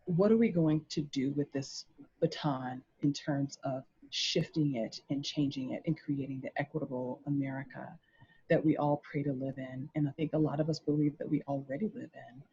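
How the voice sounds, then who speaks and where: A man on a faculty panel giving an earnest, measured history talk with frequent pauses and ums, slowing down to stress key points. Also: medium pitch, steady tone, creaky, warm tone, slightly rough, no echo. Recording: slightly dull lo-fi audio.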